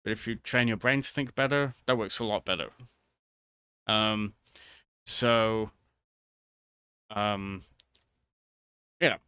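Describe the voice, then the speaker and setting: Low-voiced man rambling haltingly, crisp dry sound. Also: fairly even intonation, sharp tone, no room sound. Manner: hesitant, halting, trailing off mid-thought. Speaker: vtuber video creator. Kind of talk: casual rambling monologue to viewers.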